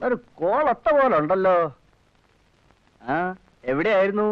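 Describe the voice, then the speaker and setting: A man's voice: high voice, expressive, unhurried, no echo. An actor playing a chatty village tea-shop man who eagerly spreads news, in a 1980s film drama. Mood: gossipy. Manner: gossipy, eager. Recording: dull lo-fi film soundtrack with faint noise.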